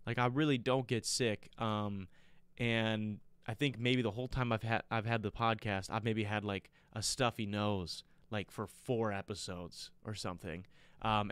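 A sick American man hosts a podcast solo, chatting casually to listeners while rambling and repeating himself. His voice is on the low side, a bit bright, clear and resonant, yet congested and stuffy-nosed, with no echo on the recording.

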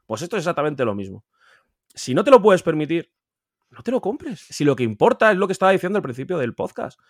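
A man from Spain with a Spain Spanish accent, a collector guest talking casually on a podcast, emphatic and animated, repeating words and swearing freely. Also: fast, dry recording, clean studio sound. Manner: animated, pitch jumping up when insisting. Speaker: guest, video game collector.

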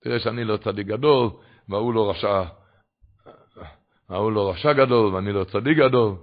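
A male preacher giving a fervent Torah sermon that swings up to loud exclamations. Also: lowish voice. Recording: dull lo-fi recording.

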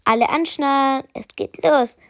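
A woman's voice: high-pitched, unhurried, no echo, clean studio sound, pitched above the performer's own voice. A woman voicing a bold, bossy little female hamster in a storybook. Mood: commanding.

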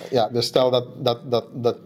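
A man's voice: mid-range voice, level tone, moderate pace. A man co-hosting a podcast, explaining his points in a casual chat with lots of hesitations and fillers. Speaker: podcast co-host.

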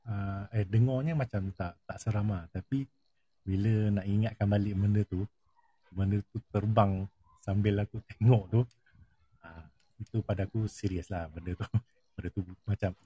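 A man telling a ghost story in casual chat. He repeats key phrases and drops into hushed tones at tense moments. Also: lowish voice, steady tone, moderate pace, husky, dull audio.

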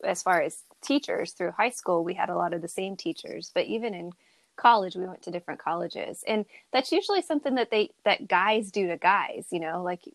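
A woman's voice: fairly low pitch, lively intonation, a little fast, gravelly, dry recording. A woman co-hosting a podcast, chatting candidly and laughing often. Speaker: podcast co-host. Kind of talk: casual podcast chat.

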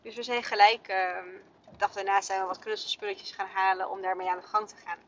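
A woman's voice: medium pitch, steady tone, brisk, slight background noise. A woman in her thirties hosting a parenting podcast, telling a story in a chatty way with many fillers. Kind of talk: casual spoken podcast monologue. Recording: dull, dry lo-fi sound.

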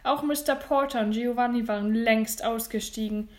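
A woman reading a children's mystery story aloud as narrator, in a lively, clear storytelling manner. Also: on the high side, normal speed. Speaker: audiobook narrator.

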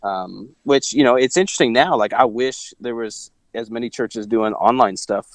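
A man's voice: medium pitch, moderate pace, dry recording. A man from Missouri speaking as an interview guest, reflective and rambling with many fillers and restarts. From Missouri, USA. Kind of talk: casual faith-based conversation.

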